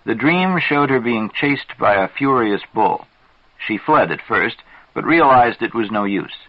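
A man reading aloud from a psychology book in measured, deliberate scripted narration. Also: mid-range voice, expressive, no room sound. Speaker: reader. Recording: dull lo-fi dry recording.

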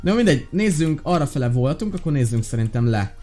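Excitable man commenting on a game. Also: fairly high pitch, faint music behind. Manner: excitable and curious, many fillers. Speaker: gaming video host. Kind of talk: casual let's-play commentary.

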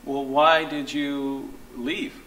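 A man's voice: medium pitch, flat delivery, sharp tone, a little hiss or hum. Direct-questioning man in his thirties. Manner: plain, direct questioning, some quick follow-ups. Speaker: interviewer. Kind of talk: interview questions. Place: small studio room with green wall.

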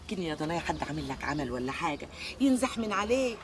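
A woman's voice: low-pitched, sing-song, racing, noisy background. An actress playing an older mother who pleads with and coaxes her son, speaking with an Egyptian accent. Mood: pleading. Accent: Egyptian Arabic. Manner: pleading, coaxing. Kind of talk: film acting.

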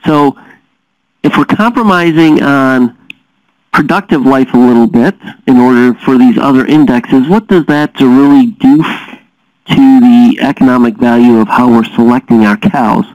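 A man's voice: mid-range voice, moderate pace, no room sound. Man explaining dairy economics, dull dry sound. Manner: explanatory, steady, with frequent "uh" fillers. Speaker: dairy science lecturer. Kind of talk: recorded lecture.

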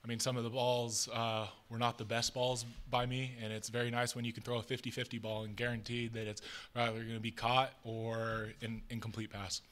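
Young man, college quarterback, post-game press answers, flat delivery, frequent ums, table mic. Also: mid-range voice, brisk, slight background noise. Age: young adult. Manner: relaxed, modest, short answers with many ums. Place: press room with logo backdrop. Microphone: table mic in front of him.

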